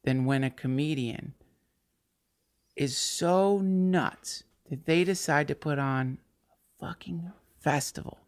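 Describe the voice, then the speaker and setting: A man's voice: fairly high pitch, slow. A man hosting a podcast, talking in an emphatic, joking and profane way in casual conversation. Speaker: podcast host.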